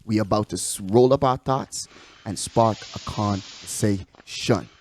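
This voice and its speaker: This sports show host speaks on the low side, a little slowly and a little mellow. His commentary is casual and slangy with a hype-man delivery, repeated phrases for emphasis and frequent check-ins.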